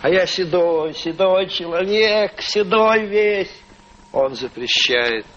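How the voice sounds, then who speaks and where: A gravelly, embittered old playwright. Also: male voice, medium pitch, sing-song, a little slow, lo-fi sound, a little hiss or hum, full character voice. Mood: indignant. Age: older. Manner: lurches from broken whispers to furious shouting. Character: aging, gray-haired, embittered male playwright. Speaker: lead actor in a stage play. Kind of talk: theatrical stage acting.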